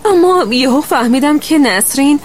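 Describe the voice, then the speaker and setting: A woman narrating a first-person children's story in a gentle, steady way. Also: high-pitched, a little hiss or hum.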